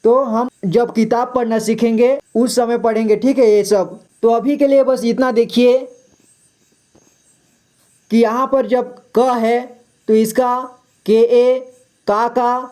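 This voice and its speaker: A man's voice: very high-pitched, mellow. A man teaching Hindi reading, patiently spelling out syllables and checking in after nearly every phrase. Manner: slow, patient drilling of syllables, repeats "theek hai" constantly. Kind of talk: classroom-style explanation of letters and spellings.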